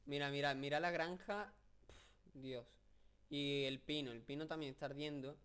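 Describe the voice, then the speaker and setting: A young man from Spain with a fairly high, smooth, clear voice talks over his video game. He rambles and jokes, keeps stopping to fill the gaps, and gets worked up over what he sees on screen. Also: normal speed. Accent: Spain Spanish. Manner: joking, rambling, excitable with many fillers. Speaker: gameplay commentator. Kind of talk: casual video game commentary.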